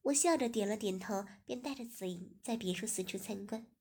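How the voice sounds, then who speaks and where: A woman narrating a story, reading evenly and sometimes dropping into a soft whisper. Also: mid-range voice, fairly quick, breathy edge.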